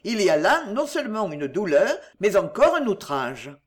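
Brief: earnest young storybook suitor, voiced by a woman, measured and sincere. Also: medium pitch, very animated, close to an everyday voice.

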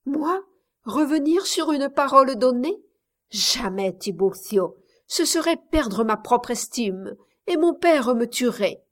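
A gentle young Spanish woman speaks softly, with quiet reproach in her voice, as a woman reader puts her on. The storybook reading is slow and even. Her dignity shows under the softness. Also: high voice, voice pushed up. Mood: pleading, proud. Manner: soft, reproachful delivery.

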